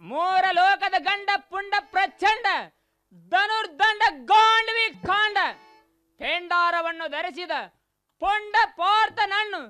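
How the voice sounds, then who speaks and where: A man's voice: very high voice, sharp tone, exaggerated voice. A man voicing a proud young warrior prince in a mythological radio play, declaiming in rhythmic heroic verse.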